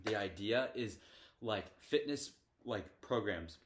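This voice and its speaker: A man's voice: on the low side, lively intonation, slow pace. A teenage boy co-hosting a podcast in casual chat, talking loosely with many fillers and restarts. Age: teens. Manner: hesitant, lots of fillers and restarts. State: hiccups. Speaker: podcast co-host.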